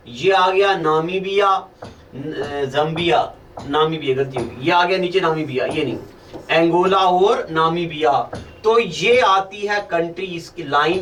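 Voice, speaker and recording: A man teaching an online exam-prep lecture, who quizzes his students and has them repeat answers, with low energy from fasting. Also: a bit bright, roomy sound, distant mic, a little hiss or hum. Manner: addresses students as children, asks and repeats answers.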